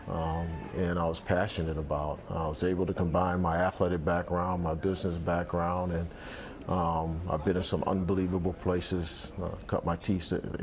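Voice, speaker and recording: Seated for an interview on an outdoor balcony, a man in his 60s who works as an athletic director reflects aloud in a low, darkish voice. His speech is full of restarts and filler words, with slight background noise in the recording.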